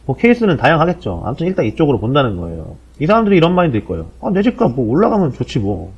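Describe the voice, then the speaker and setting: Dull, low-bitrate audio carries a man of about forty giving casual commentary. He talks fast, with lively swings in pitch. His manner is colloquial and irreverent, often putting rhetorical questions as he explains. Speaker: host of an explainer show.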